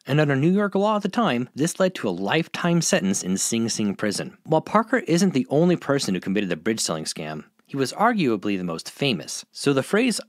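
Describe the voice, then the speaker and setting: A man's voice: dry recording, studio quality. A man narrating a scripted history explainer in a playful, storytelling manner. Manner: playful, highly animated storytelling with wide pitch swings. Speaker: host of a history fact channel.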